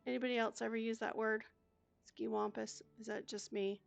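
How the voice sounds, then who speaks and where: An older woman chatting casually as she plays a cozy game, talking herself through each step in a soft voice. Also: fairly high pitch, little pitch movement, fast, gravelly, faint music behind. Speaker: gaming YouTuber. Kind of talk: casual gameplay commentary.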